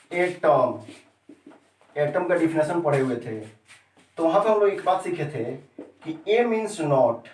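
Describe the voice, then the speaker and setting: In an echoey classroom captured by a distant mic, a male chemistry teacher with a slightly high, darkish voice keeps quizzing students and repeating key terms. Some light background noise is audible.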